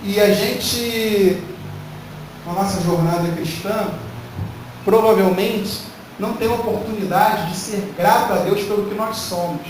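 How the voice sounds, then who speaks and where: A man's voice: high voice, a little slow. A male pastor preaching a sermon, emphatic and full of rhetorical questions to the congregation. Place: church hall. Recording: very echoey hall from far off, faint noise.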